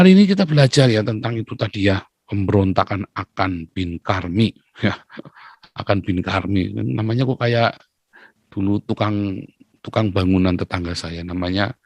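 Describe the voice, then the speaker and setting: A man preaching a sermon in a lively, joking way, often calling his listeners brothers and sisters. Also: on the low side, normal speed, pauses often, dry recording.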